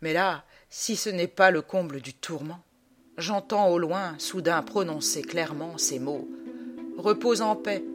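A woman performing a comic verse monologue in a theatrical way, swinging from indignant outbursts to hushed asides. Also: fairly low pitch, measured pace, soft background music. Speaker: monologue reciter.

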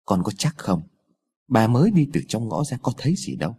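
An exhausted, short-tempered father scolds his child in a ghost story. His speech is stern and flat, with a warm, husky tone, as a male narrator plays him. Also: medium pitch, fairly quick. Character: tired, irritable middle-aged father.

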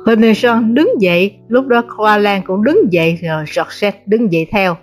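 A woman narrating a translated novel as an audiobook, in a measured, dramatic reading. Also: medium pitch, lively intonation, faint music behind. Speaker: audiobook reader.

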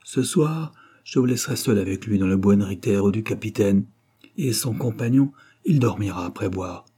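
A sly old bandit with a wheedling, knowing way of talking, as a man reads him in an audiobook. The voice sits low and dark, with a husky edge. He sounds gallant and scheming. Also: normal speed.

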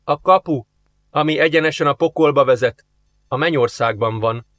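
A man's voice: a little high, fairly bright tone, no echo, close to an everyday voice. A man voicing a stern, impatient young angel who talks in a curt, commanding way, read for an audiobook.

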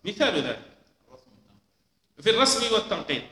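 A man teaching a lesson, explaining slowly and deliberately, repeating key points. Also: high-pitched, big pitch swings, creaky, bright, forceful tone, slight background noise. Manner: slow, deliberate explaining with repetitions. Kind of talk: lecture on hadith transmission. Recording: echoey hall with long reverb.

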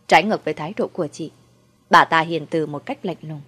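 A woman narrating a dark story in a steady, dramatic way. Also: low voice, fast talker, slightly rough.

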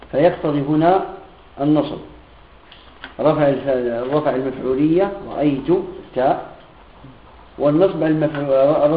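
A man teaches a classroom grammar lesson, pausing often to ask whether his students follow. His voice sits a little high. The recording is tinny and phone-like, with a roomy echo. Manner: keeps checking students' understanding with questions; repeats example phrases slowly. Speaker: Islamic teacher. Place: room with students present.

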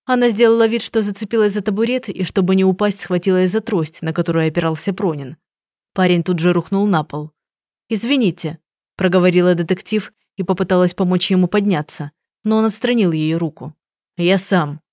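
A woman narrating an audiobook in a steady, measured way. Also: fairly low pitch, no room sound, clean studio sound.

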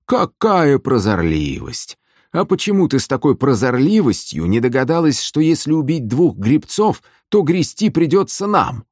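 A man's voice: medium pitch, moderate pace, darkish tone, no echo, clean studio sound, voice pushed up, lightly acted. A man voicing a sarcastic, weak young minstrel in an audiobook, with a theatrical, mocking delivery. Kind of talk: audiobook character voice.

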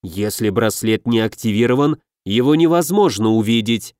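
A man's voice: animated, darkish tone, no echo, clean studio sound, lightly acted. Man voicing a growling dog-headed warlord. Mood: menacing. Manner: low, slow, growling threats. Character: furious dog-headed male senior legate, menacing.

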